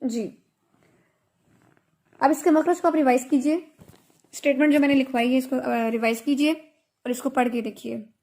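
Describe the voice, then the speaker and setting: In an online lesson, a woman teaches Quran recitation, explaining slowly and patiently and drawing out her Arabic examples. Her voice is high with a darkish tone, and her intonation stays fairly even.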